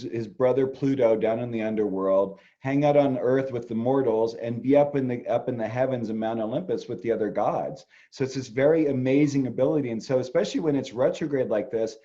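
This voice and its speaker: A man's voice: mid-range voice, mellow, muffled recording. A middle-aged man, an astrologer, talking casually and rambling with many fillers. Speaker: astrologer co-host. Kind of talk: casual conversation.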